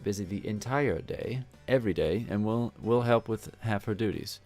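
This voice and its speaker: A man's voice: lowish voice, moderate pace, a little mellow, soft background music, close to an everyday voice. A man voicing a young female resort supervisor who explains duties in a matter-of-fact way. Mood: brisk.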